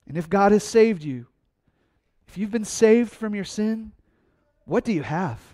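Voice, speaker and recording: A man preaching a sermon, energetic and conversational, asking his congregation questions and answering them himself. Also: sits high, measured pace. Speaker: pastor.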